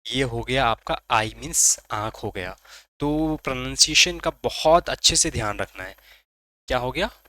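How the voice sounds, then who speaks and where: A male English teacher drills vocabulary at a slow, measured pace. His voice is bright and forceful, and the recording is dry and close. He repeats word pairs with emphasis and stops to correct common student slips. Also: medium pitch, animated, no room sound. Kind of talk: pronunciation drill lesson.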